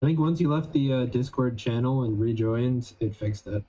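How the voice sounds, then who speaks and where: A man on a voice call with the stream host, chatting in a relaxed, joking way, his voice played through a speaker and picked up again by a mic. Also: mid-range voice, normal speed, low-quality recording. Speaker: co-caster. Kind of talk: casual chat over a voice call. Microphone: voice call played through a speaker back into a mic.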